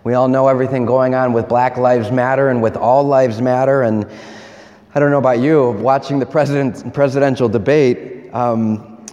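A man's voice: medium pitch, steady tone, moderate pace, a little mellow, dull audio. A man, a priest, reading the Gospel and preaching a homily with earnest, rising cries for emphasis. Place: church. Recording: church with long reverb.

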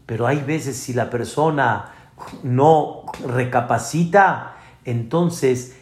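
Slow-speaking rabbi. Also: male voice, mid-range voice, a little mellow. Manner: slow, explaining, addresses listeners directly. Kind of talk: sermon. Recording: echoey room.

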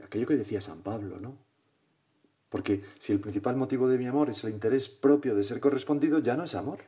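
A male priest leads a guided prayer meditation, speaking in a lowish, mellow voice. He talks reflectively and conversationally, often tagging his thoughts with a gentle question.

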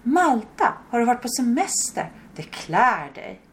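A woman voicing an excitable, effusive fashion-loving woman in her late fifties who used to be a model. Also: on the high side, slight background noise, pitched above the performer's own voice. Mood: gushing. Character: gushing fashion-loving woman near sixty, former model.

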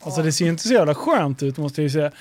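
A podcast co-host in casual chat, joking wryly with quick short reactions. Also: medium pitch, lively intonation, darkish tone.

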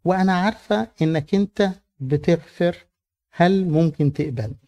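A man's voice: on the high side, normal speed, mellow, lightly acted. Pleading sinful woman, as a man voices her. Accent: Egyptian Arabic. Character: repentant frightened sinful woman.

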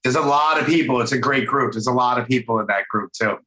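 The recording is roomy and echoing, with a podcast host of middling pitch speaking in a Brooklyn accent. The talk is casual and unscripted, with phrases often doubled up in an informal way. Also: fast talker, bright, forceful tone. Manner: informal, repeats words and phrases. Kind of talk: casual, off-the-cuff interview chat.

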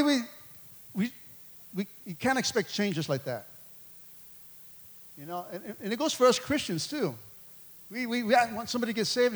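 A middle-aged male pastor preaching a lively sermon, joking, laughing and calling out to the congregation. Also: very high-pitched.

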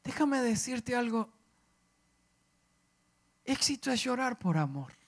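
A middle-aged man preaching a sermon, impassioned, swinging from loud declarations to hushed, emotional speech. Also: very high voice, very animated, slow, creaky.

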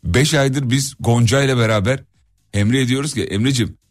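A man's voice: medium pitch, moderate pace. A man hosting a morning radio show, laughing often and egging on his co-hosts. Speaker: radio host. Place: radio studio. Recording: radio broadcast with music bed.

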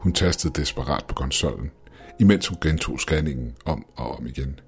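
Male horror narrator; extremely low, breathy, measured and ominous. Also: faint music behind. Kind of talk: scripted horror story narration.

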